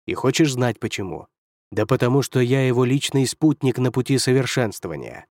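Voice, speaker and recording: A brash demon lord who talks with snorting mockery and drawls his retorts, voiced by a man. The voice stays near a middle male pitch. The recording is close and dry. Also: lively intonation, a little fast, darkish tone, dry recording, natural voice. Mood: mocking. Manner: mocking, snorting, offhand. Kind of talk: audiobook character voice.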